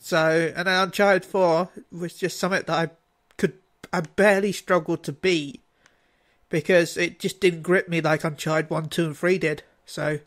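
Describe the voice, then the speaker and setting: A man's voice: a little high, level tone, normal speed, fairly bright tone. A man speaking as a guest on a casual panel, candid and self-deprecating about his opinions.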